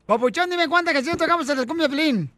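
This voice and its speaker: A man with a Mexican accent hosting a joking radio show, loud and playful with listeners. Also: extremely high pitch, fast, no echo. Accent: Mexican Spanish. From Michoacán, Mexico. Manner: playful, loud, jokey, calls listeners "papuchón".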